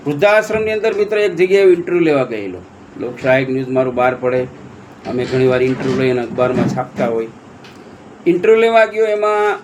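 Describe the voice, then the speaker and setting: Kathiawadi-accented male host, earnest moral storytelling, raised pitch, faint hiss. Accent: Kathiawadi Gujarati. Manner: earnest, addresses listener as friend, swings loud to soft. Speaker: news channel host. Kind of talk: storytelling talk.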